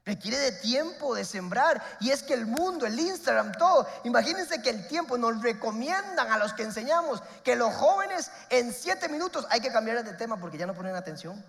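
High-voiced man preaching in a hall. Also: sing-song, brisk, vocal fry, hardly any pauses. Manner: emphatic preaching, repeats key points, swings between loud and soft. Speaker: pastor. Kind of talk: sermon.

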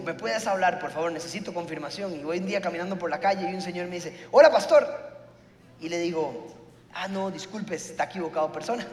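A pastor preaching a sermon, telling a story and acting out the dialogue. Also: male voice, high-pitched, echoey room, big-room sound.

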